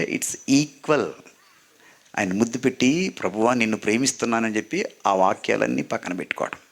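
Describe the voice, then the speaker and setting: Lower-voiced male priest preaching. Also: vocal fry. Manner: preaching with call-and-response to the congregation; mixes in English phrases. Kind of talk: sermon.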